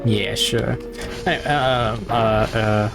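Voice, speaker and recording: A man giving casual, rambling livestream commentary while gaming, halting and repeating himself, with some swearing. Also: on the low side, vocal fry, over music. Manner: halting, repetitive, profane. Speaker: video game streamer.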